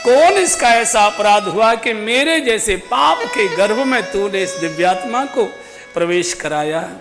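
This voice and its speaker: A man playing a grieving cast-out mother who pleads and laments in a high, unhurried voice. Loud devotional music with violin plays beneath her. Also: animated. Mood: lamenting.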